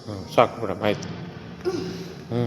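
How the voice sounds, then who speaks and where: A man's voice: fairly low pitch, steady tone, normal speed. A man coaching a client through a gym workout, counting reps and coaxing her on. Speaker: gym trainer. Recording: echoey room with music behind.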